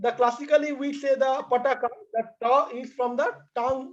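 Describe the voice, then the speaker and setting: Doctor listing terms in a lecture. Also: male voice, very high voice, flat delivery, quick pace. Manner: listing terms, repeating words. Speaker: doctor presenting at a medical class. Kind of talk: medical lecture. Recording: dull lo-fi online call audio.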